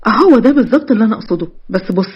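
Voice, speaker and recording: A woman's voice: a little high, lively intonation, breathy edge, lo-fi sound. A woman voicing a witty, protective young best friend who teases and bosses in an Egyptian accent. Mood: teasing. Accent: Egyptian Arabic. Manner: teasing, brisk, commanding.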